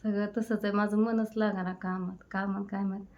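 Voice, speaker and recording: A woman's voice: mid-range voice, level tone, a little fast, darkish tone. A woman, shaken and upset, telling a grieving story in a rambling, repetitive way. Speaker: vlogger. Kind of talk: emotional casual monologue.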